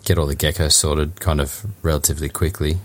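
A man's voice: very deep voice, flat delivery, brisk. An Australian man co-hosting a podcast, talking about his projects in an easygoing, plain-spoken casual chat over a remote call. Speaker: podcast co-host.

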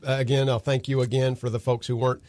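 A man's voice: mid-range voice, level tone, quick pace, darkish tone, dry recording. Man, talk radio host, folksy and sarcastic, dry studio sound. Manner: folksy, sarcastic, lots of fillers. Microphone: studio microphone.

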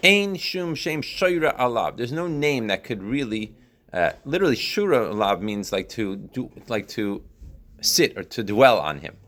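A man's voice: medium pitch, sing-song, measured pace, fairly bright tone. Man teaching a religious text, explaining and rephrasing. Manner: explanatory, repeats and rephrases, checks with frequent "right?". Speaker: Torah teacher. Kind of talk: informal religious text lesson, reading and explaining line by line.

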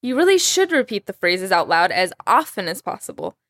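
Born in Iran and a native Persian speaker, this woman teaches a scripted language lesson for a podcast, speaking clearly and upbeat while modelling words slowly. Her medium-pitched voice is very animated and a bit bright, captured in a dry, clean studio recording.

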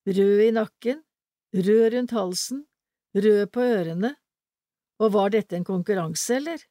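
A woman's voice: medium pitch, dark tone, no room sound, clean studio sound, natural voice. A woman reading as a spiteful, taunting schoolgirl. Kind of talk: storybook reading.

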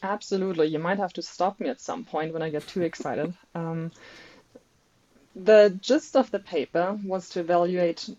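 This fairly low, mellow female voice with fairly even intonation belongs to a native German speaker from Germany with a German accent, a researcher and PhD candidate guesting on a podcast. She talks at normal speed in a relaxed, good-humoured, self-deprecating interview, with the highs cut off.

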